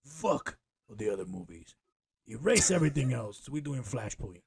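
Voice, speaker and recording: A man's voice: mid-range voice, big pitch swings, normal speed, vocal fry, darkish tone, husky, exaggerated voice. A man voicing a brash, domineering male corporate CEO who talks in a blunt, dismissive way. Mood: swaggering.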